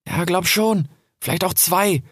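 A man voicing a young male fox in a storybook, with short, gruff replies. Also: sits high, a little slow, fairly bright tone, dry recording, studio quality, pitched above the performer's own voice, exaggerated voice. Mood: unsure. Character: young male fox, grumbling, wary and dry-humoured.

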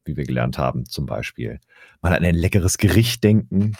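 A man's voice: rumbling low, lively intonation, moderate pace, darkish tone, no echo, studio quality. A man hosting a podcast in German, speaking in a conversational interview style with reflective summaries. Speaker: podcast host.

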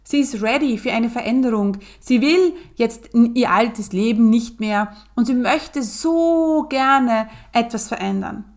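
Woman podcast host talking slow and earnest, kinda high voice, walks you through it step by step. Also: darkish tone. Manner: slow, earnest, coaching, addresses listener directly. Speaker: podcast host and business coach. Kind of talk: guided visualization podcast talk.

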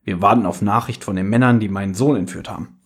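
A man reading aloud, voicing a worried, hostile middle-aged mother with a rough voice. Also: on the low side, quick pace, pitched below the performer's own voice.

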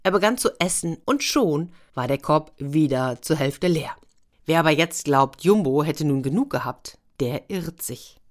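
A woman storyteller reading a children's story aloud in a lively way, speaking directly to young listeners. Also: low-pitched, unhurried.

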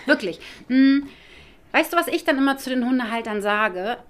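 A woman's voice: high-pitched, animated, moderate pace. A woman, a dog trainer from northern Germany, co-hosting a podcast and talking emphatically, often tagging her points with "ne?". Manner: emphatic, opinionated, tags lines with "ne?". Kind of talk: casual podcast chat.

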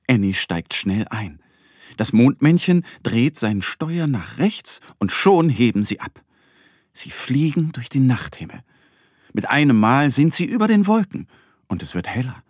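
A man narrating a children's story in a slow, gentle, expressive bedtime-reading manner. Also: medium pitch, no echo, studio quality.

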